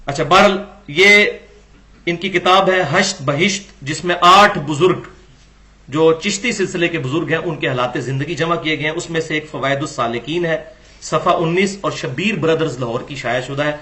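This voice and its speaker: A man delivers a religious lecture in a high voice. His tone is bright and cutting, and he presses his argument with pointed rhetorical questions. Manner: argumentative, rhetorical questions, acts out quoted dialogue.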